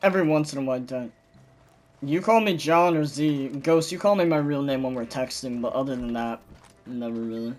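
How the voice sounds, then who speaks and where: A young man telling stories in a casual gaming voice chat, animated and swearing freely, loudly mimicking other people. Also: mid-range voice, brisk. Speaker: gamer chatting with friends.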